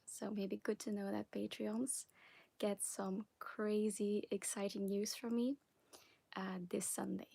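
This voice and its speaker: A young woman from Belgium with a Flemish accent, hosting a live question-and-answer stream, talking softly and often whispering, a little nervous. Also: medium pitch, level tone, takes it slowly, creaky, dry recording. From Belgium (Flanders). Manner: soft, partly whispered chat, nervous and giggly. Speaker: ASMR creator. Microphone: phone on a wobbly stand.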